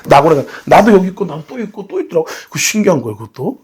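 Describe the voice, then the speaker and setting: A middle-aged male pastor preaching a sermon in a church, telling family stories with shouting bursts and acted voices. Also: fairly high pitch, big pitch swings, quick pace, husky. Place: church sanctuary.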